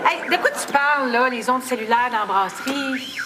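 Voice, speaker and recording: A man's voice: very high-pitched, animated, moderate pace. A man voicing a bewildered Québécois woman, Carole. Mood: confused. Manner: bewildered, questioning. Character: excitable grown daughter Carole, woman. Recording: loud background noise.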